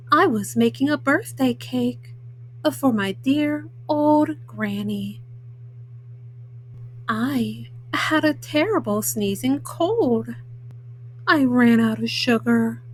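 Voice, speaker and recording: A woman voicing a folksy, self-justifying male wolf in a storybook, haltingly, with frequent uhs. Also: on the high side, lively intonation, slight background noise, rough recording. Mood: self-justifying, matter-of-fact. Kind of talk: storybook read-aloud in first person.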